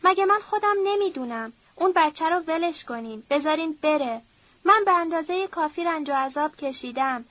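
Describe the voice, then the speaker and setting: Woman doing a desperate young widow begging through tears, high voice, dull dry sound. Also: no room sound, natural voice. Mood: pleading. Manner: pleading, tearful, begging.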